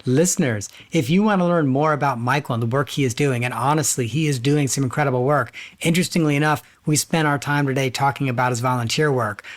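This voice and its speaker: Male podcast host, mid-pitched, enthusiastic and conversational. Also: quick pace, hardly any pauses. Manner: upbeat, enthusiastic. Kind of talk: podcast interview hosting.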